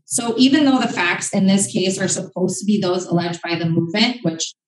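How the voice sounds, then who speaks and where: A woman lawyer argues an appeal in a formal, measured tone, her video call audio breaking up and cutting in and out. She sits back from her mic, and her voice carries a roomy echo. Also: mid-range voice, distant mic. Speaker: attorney arguing an appeal. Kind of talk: formal courtroom oral argument. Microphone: remote video call.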